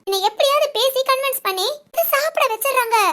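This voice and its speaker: A woman's voice: very high-pitched, animated, fast talker, fairly bright tone. A woman voicing an anxious, injured young married woman in a cartoon, talking in a tearful, pleading way. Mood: earnest. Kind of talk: cartoon voice acting.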